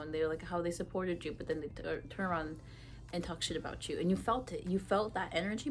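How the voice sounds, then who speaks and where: Chatty woman reading tarot to camera. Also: lowish voice. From Ethiopia. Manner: chatty and frank, many fillers and repeats. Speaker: tarot reader.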